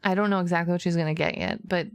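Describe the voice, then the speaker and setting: A woman's voice: lowish voice, fairly even intonation, very fast, clean tone, no room sound. A woman playing a tabletop role-playing game, chatty and giggly, full of "like" and laughs. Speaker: player.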